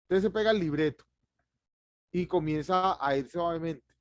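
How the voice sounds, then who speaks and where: A man teaches public speaking over an online class, rattling along quickly and laughing at his own slips. His voice sits a little high for a man. The sound is dry and close, with no room around it. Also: no echo. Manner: fast, lively, self-deprecating with chuckles.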